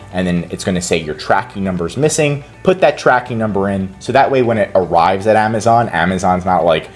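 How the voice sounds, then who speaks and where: A native English-speaking consultant who hosts his own channel walks through a screen-recorded tutorial, giving casual step-by-step instructions. His voice sits on the low side with a darkish tone.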